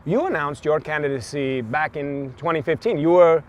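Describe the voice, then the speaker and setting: A man's voice: a little high, normal speed, muffled recording, slight background noise. A man hosting a casual interview outdoors, upbeat and full of praise for his guest. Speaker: interview host, mayoral candidate. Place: outdoors in a city near traffic.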